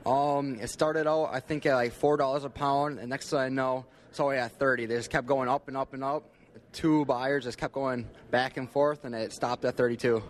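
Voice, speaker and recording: A young American man giving casual, halting, plain-spoken answers as an interview guest. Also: mid-range voice, fairly even intonation. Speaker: interview guest, livestock exhibitor.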